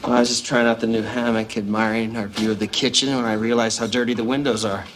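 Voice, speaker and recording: Teasing low-voiced man, an actor playing him. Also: level tone, fast talker, natural voice. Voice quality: dry, teasing humor. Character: teasing, playful man at home. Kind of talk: sitcom acting. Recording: noisy background.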